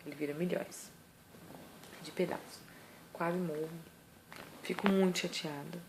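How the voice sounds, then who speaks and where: Mãe brasileira dando conselhos, voz rouca. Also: female voice, on the low side, steady tone, a little slow, background noise. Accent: Brazilian Portuguese. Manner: earnest, emphatic, acts out scolding lines. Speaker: mother giving parenting advice. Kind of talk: casual advice vlog.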